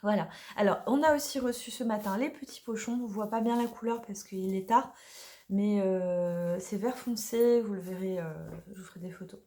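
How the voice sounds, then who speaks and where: A woman casually presenting her oracle deck, chatty and hesitant with many fillers, slightly hoarse from allergies. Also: mid-range voice, moderate pace, dark tone. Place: dim room in the evening.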